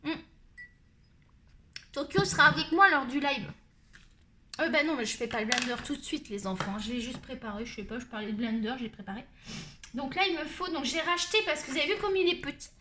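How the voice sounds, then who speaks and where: A woman with a high, shrill voice who talks loudly and at length, chatting her way through a colored-pencil tutorial. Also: fairly quick, pauses often. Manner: loud, talkative and animated. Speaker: colouring tutorial host.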